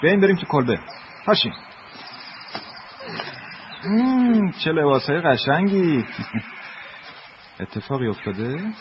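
A man voicing a kind adult who gently teases two children, in a dubbed film. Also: on the high side, sing-song, pauses often. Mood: gentle. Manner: playful, gently teasing. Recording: dull lo-fi audio, faint hiss.

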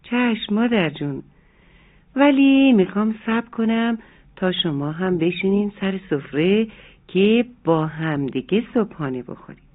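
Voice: mid-range voice, animated, lightly acted. A narrator voicing a sweet, obedient little girl in a children's story, asking polite, wondering questions. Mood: curious, sweet. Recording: narrow phone-like sound, faint music.

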